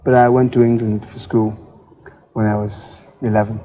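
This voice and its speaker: Mellow-voiced man from Ghana, old TV tape. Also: lowish voice, normal speed, slight background noise. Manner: relaxed, hesitant with fillers. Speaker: singer, interview guest. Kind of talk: casual interview talk. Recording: dull lo-fi 1980s TV tape.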